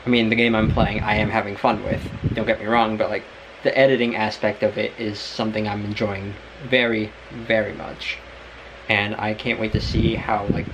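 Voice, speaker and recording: Rambling low-voiced young man vlogging. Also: vocal fry, noisy background. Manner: rambling, many fillers and restarts. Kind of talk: casual vlog chat.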